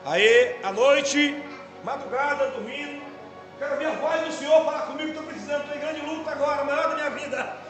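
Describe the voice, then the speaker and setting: A Brazilian man preaching as a pastor, giving an emotional testimony that swings from soft to shouted. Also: very high-pitched, steady tone, brisk, music in the background. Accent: Brazilian Portuguese. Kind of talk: sermon. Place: church hall. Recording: echoey hall.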